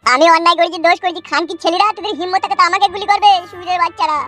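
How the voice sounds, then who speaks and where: A woman's voice: extremely high pitch, fairly even intonation, racing, sharp tone. A woman voicing a hot-headed young man who swears and vows revenge, in a comedy cartoon. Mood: tearful, vengeful. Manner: fierce, swearing threats.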